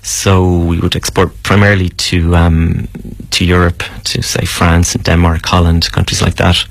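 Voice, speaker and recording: Deep-voiced of man, hesitant. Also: flat delivery, normal speed, gravelly, no echo. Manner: hesitant, explanatory, many repeated words. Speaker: brewer, interview guest. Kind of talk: casual interview answers.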